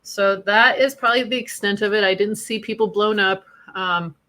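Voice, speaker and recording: Woman in her 40s from Iran, bright clear voice, candid chatty podcast host. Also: mid-range voice, fairly even intonation, normal speed. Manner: chatty, swears freely, laughs through dark memories. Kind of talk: candid casual conversation.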